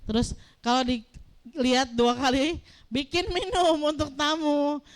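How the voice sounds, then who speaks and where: Middle-aged woman pastor, high voice, lively storytelling sermon that acts out the dialogue. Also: unhurried. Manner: animated storytelling, acting out dialogue.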